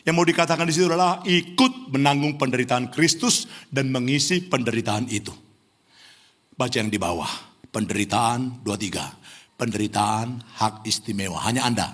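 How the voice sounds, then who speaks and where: A middle-aged man from Indonesia preaching a lively sermon in a church, teasing the congregation and rising to near-shouts. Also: medium pitch, normal speed. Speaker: pastor. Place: church hall.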